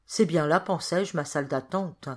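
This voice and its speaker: A woman reading a first-person novel aloud as a volunteer audiobook narrator, with expressive storytelling. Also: sits low, moderate pace. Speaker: audiobook reader. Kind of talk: scripted narration.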